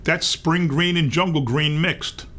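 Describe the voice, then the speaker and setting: A man's voice: fairly high pitch, fairly even intonation, a little slow, bright, forceful tone. A man voicing a dramatic, imaginative little girl while reading a storybook to young children. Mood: curious.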